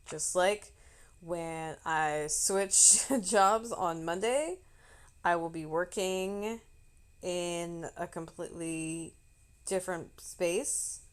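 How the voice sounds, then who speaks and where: Chatty woman streamer with a lowish voice. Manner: chatty, animated, swears freely. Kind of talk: casual storytelling chat.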